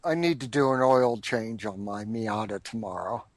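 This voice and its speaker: A man's voice: lowish voice, lively intonation, moderate pace. A man joining a casual chat from afar as a guest, dry and matter-of-fact as he recounts things. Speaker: remote guest.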